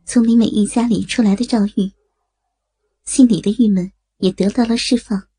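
A woman narrating a story in a steady, matter-of-fact reading voice. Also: mid-range voice, moderate pace, breathy edge.

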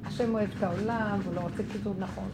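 A woman's voice: mid-range voice, fairly even intonation, heavy background noise. A woman leading a group discussion, explaining points and acting out quoted lines with emphasis.

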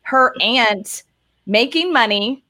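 A woman hosting a casual interview over a video call, upbeat and encouraging, talking in long quick runs. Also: a little high, animated, bright, forceful tone. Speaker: podcast host.

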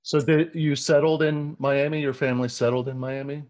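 A man hosting a podcast, reading a measured introduction and then asking questions with frequent ums and uhs. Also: on the high side, fairly even intonation, a little mellow. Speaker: podcast host. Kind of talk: scripted intro then casual interview.

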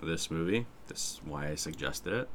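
A man's voice: rumbling low, lively intonation, moderate pace, noisy background. A man co-hosting a horror podcast, insistently giving his film review in casual chat. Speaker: podcast co-host.

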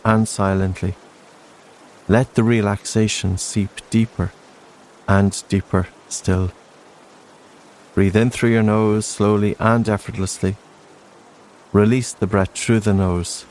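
A man narrating a slow guided breathing meditation in a soft, soothing, unhurried way. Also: lowish voice, rough recording. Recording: faint steady background noise. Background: soft green-noise ambience.

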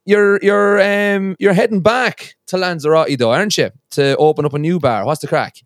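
Halting Irish man, dry close recording. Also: on the high side, no room sound. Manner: halting, repeats words as he talks. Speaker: podcast host, musician. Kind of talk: casual interview chat.

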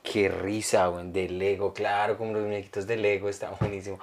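A man's voice: on the low side, a little fast. A man, co-hosting a casual comedy podcast, telling stories animatedly and reading out fan comments. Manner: animated storyteller, mimics others, reads fan comments. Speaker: podcast co-host. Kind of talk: casual comedy chat, storytelling.

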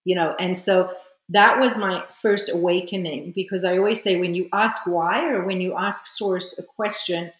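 A woman's voice: lowish voice, steady tone, normal speed, roomy sound, low-quality recording. A woman from South Africa, a spiritual healer, telling her life story as an interview guest in an earnest, reflective way. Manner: earnest and reflective, with frequent "you know".

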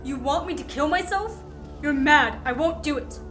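A woman's voice: high-pitched, moderate pace, a bit bright, soft background music. A woman acting in a student radio play as an earnest, wary man on the run, with a polite, restrained manner. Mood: alarmed. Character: earnest, wary male fugitive visitor.

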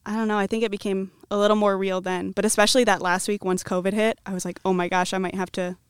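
A chatty, upbeat woman in her 20s from the American Midwest is a podcast guest, talking fast and casually and saying "like" a lot. Her mid-range voice has little pitch movement and a clean tone, recorded in clean studio sound with no echo.

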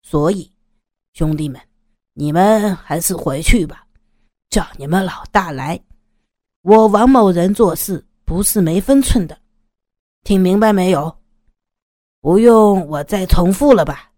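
A woman voicing an arrogant, fat, middle-aged male gangster boss who talks in a cold, menacing, swaggering way, with lively pitch in a dry recording. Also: unhurried, husky, no echo.

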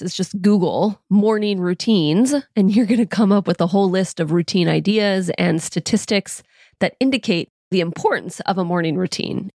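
A woman's voice: lowish voice, no room sound. Upbeat woman podcast host, dry close sound. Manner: upbeat, encouraging, speaks directly to listener. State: slightly tired, groggy morning voice. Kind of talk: scripted motivational podcast monologue.

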